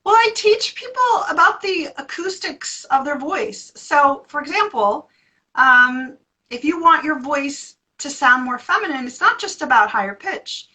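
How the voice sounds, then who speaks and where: American lady voice therapist, bright voice, playful, explains stuff animated. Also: high voice, a little slow, low-quality recording. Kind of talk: interview answers.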